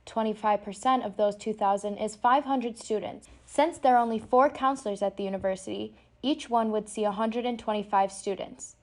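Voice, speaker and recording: A woman's voice: mid-range voice, moderate pace, hardly any pauses, a little mellow. A young woman, a student reporter, reading scripted narration for a news package. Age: young adult.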